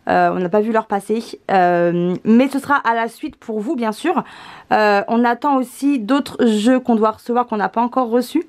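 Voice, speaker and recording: A woman's voice: on the high side, normal speed. Chatty woman presenting toys with many fillers. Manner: relaxed, many hesitation fillers, laughs often. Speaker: vlog host, mother presenting gifts. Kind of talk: casual unboxing chat.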